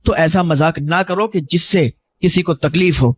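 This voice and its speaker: An Islamic preacher with a husky voice on the high side delivers a sermon, earnestly telling a moral story, acting out its dialogue and exhorting his listeners. The recording is dry and muffled.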